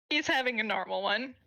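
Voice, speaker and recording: A woman's voice: a little high, gravelly, bright, forceful tone, low-quality recording. A woman playing a tabletop game, often laughing as she describes her character. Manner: laughs through her lines. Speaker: player. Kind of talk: casual tabletop chat.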